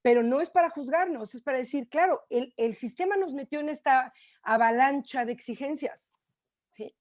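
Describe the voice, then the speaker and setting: A woman's voice: sits high, expressive, normal speed, a little mellow. A Mexican woman leading an online group session, encouraging and colloquial, heard over a video call. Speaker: workshop facilitator.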